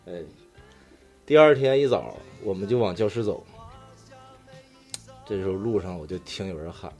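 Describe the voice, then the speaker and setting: A man with a Northeastern Chinese accent tells casual stories among friends. His voice is mellow and moves animatedly up and down, with earthy slang and the odd swear word. Faint music plays behind him. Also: lowish voice, animated, moderate pace. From Daqing, northeastern China. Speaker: talk show storyteller among friends. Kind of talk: casual chat, personal anecdotes.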